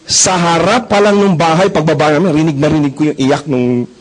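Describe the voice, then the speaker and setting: A young man pitching to a live crowd, full of jokes and little stories. He keeps turning to the audience with quick questions, and his voice sits a bit higher than most men's. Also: steady tone, low-quality recording. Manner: joking, storytelling, asks the crowd questions. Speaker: marketing presenter. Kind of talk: comic sales talk to a live audience.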